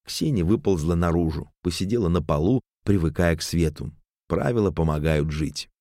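A man's voice: low-pitched, lively intonation, moderate pace, dark tone, no room sound. A man narrating an audiobook on a close studio mic.

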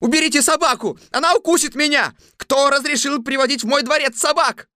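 A woman voicing a small, fearful old man posing as a wizard, talking in a soft, trembling voice. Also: extremely low pitch, animated, brisk, no echo, clean studio sound, voice pushed down. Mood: panicked, shrill.

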